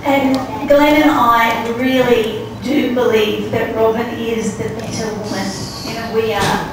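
High-voiced woman giving a laughing wedding toast. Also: steady tone, a little slow. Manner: chatty and laughing, teasing asides. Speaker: best man giving a wedding speech. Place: reception room, indoors. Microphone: handheld mic, filmed from across the room. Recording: very echoey room, far camera, loud hiss.

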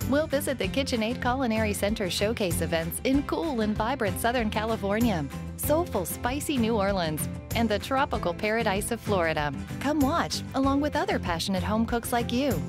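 A woman reading scripted infomercial narration as an announcer. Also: a little high. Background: music.

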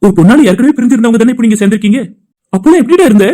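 Actor voicing a reassuring young friend in a cartoon, fast and soothing. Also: mid-range voice, animated, mellow, close to an everyday voice. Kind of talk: cartoon voice acting.

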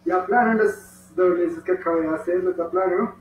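A man's voice: high-pitched, moderate pace. A man with a Colombian Spanish accent patiently guiding children through an origami dog step by step, encouraging them as he goes. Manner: patient, encouraging, talks to the kids directly. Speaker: origami instructor. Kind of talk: step-by-step craft tutorial for children. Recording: distant, roomy and dull with faint hum.

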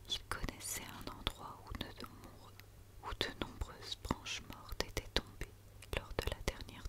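A woman reads a story aloud in a quiet, soothing night-time whisper, as in ASMR, close to the microphone. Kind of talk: whispered ASMR reading of a children's tale.

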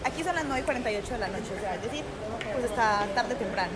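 Fast and expressive, her voice on the high side, a young paisa woman from Antioquia, Colombia, playfully vlogs into her phone at arm's length. A crowd is audible behind this casual selfie chat, set outdoors at a beach and later a club.

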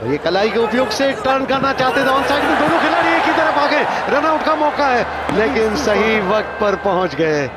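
A high-voiced male cricket commentator calls the play with formal, flowery praise, rising to excited calls of each shot. A loud stadium crowd roars under the broadcast mix. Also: moderate pace, hardly any pauses, very noisy.

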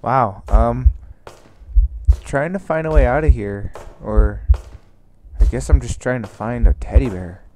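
A man's voice: mid-range voice, unhurried, long pauses, slight background noise. A man commenting on a horror game he is playing, jumpy and swearing, taunting the monster between scares. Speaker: gamer. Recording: loud game music behind the voice. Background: game music.

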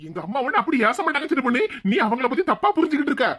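Woman playing a quick-talking soft-hearted husband. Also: sits high, animated. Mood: placating. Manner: placating, soothing. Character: mild-mannered young village husband. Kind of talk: cartoon voice acting.

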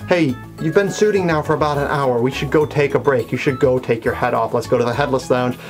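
A man's voice: mid-range voice, fairly quick, music in the background. A man giving earnest, emphatic safety advice as a vlog host, talking through a fursuit head. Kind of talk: instructional vlog.

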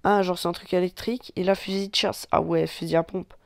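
A man from France giving casual let's-play commentary on a mobile tank game, excitable and quick to swear and cry out at the action. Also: sits high, vocal fry, no room sound, clean studio sound. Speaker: gaming YouTuber.

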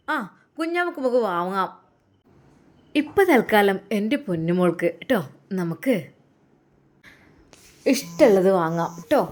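A woman voicing a gentle young father who talks to his small daughter in a tender, coaxing way. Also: high-pitched. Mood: doting.

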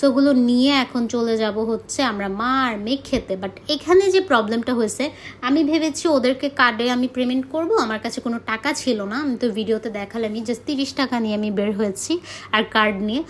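A young Bangladeshi vlogger with a slightly high, fairly quick voice narrates her vlog casually and chattily, often slipping English words into her speech. There's slight background noise.

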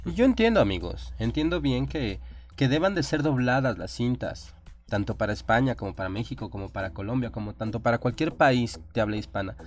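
A man's voice: medium pitch, lively intonation, a little fast, a little mellow, faint music behind. A man with a Mexican accent hosting a radio show, delivering an impassioned, opinionated monologue full of rhetorical questions.

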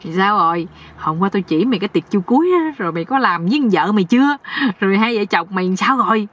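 Bossy uncle voiced by a woman, husky, mocking, scolding. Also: medium pitch, animated, quick pace, a bit bright. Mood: prying. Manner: teasing, scolding.

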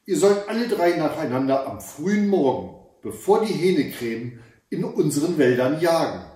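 A man voicing an old fairy-tale prince speaking to his daughters, measured and fatherly. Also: a little high, big pitch swings, dark tone. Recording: echoey room, far from the mic.

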